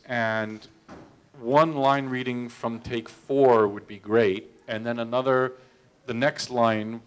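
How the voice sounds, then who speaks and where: Here a man who directs films shares anecdotes at a public Q&A, poking fun at himself. His pitch sits in the middle, and he often stammers, repeating words as he restarts.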